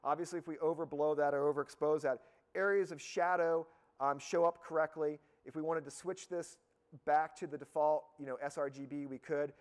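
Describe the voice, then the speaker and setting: A man with a somewhat raised pitch walks through a live software demo. He sounds slightly hoarse, as if losing his voice. His delivery is relaxed and upbeat, full of fillers and restarts. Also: fairly quick. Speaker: product expert giving a software demo.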